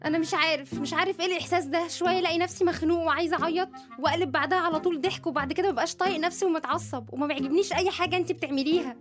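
A woman's voice: extremely high pitch, racing, few pauses, soft background music. A woman with an Egyptian accent voicing a young man turned into a woman, snappy and irritable. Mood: grumpy. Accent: Egyptian Arabic. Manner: snappy, shouting.

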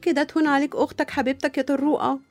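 A woman's voice: sits high, steady tone, rapid-fire, soft background music. A woman with an Egyptian accent playing a playful, teasing young sister. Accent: Egyptian Arabic. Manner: teasing, affectionate.

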